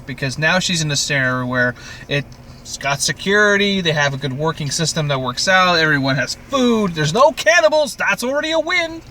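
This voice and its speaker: Swearing casually and cracking jokes, this Canadian podcast co-host rambles his way through recapping TV. He has a fairly high-pitched, bright, pushed voice, and there's clear background noise.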